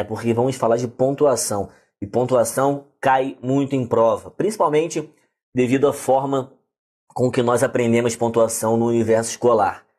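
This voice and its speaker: Brazilian male teacher, mid-pitched husky voice, lively direct delivery for a recorded lesson. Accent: Brazilian Portuguese. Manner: lively, addresses viewers directly. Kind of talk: online grammar lesson.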